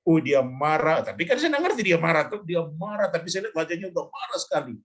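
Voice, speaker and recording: A middle-aged man, a pastor, tells a personal story in a preaching podcast, animated and acting out the people in it. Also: a little high, fast.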